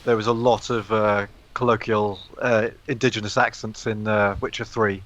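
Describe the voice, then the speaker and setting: A man's voice: fairly low pitch, level tone, moderate pace, fairly bright tone. A man with a South Welsh accent chatting casually as a panellist on a podcast video call. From Wales, near Swansea. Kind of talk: casual chat. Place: home room on video call. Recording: muffled, noisy home call audio.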